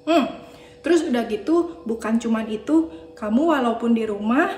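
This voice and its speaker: A woman preaching to children with a gentle, coaxing manner. Her fairly high voice moves lively up and down. The recording rings with a roomy echo. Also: normal speed, slight background noise. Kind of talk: children's sermon.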